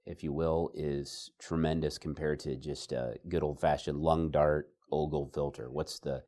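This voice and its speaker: A man's voice: extremely low pitch, little pitch movement, a little slow, dark tone. A man hosting a talk interview, asking questions with dry sarcastic humor. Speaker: host.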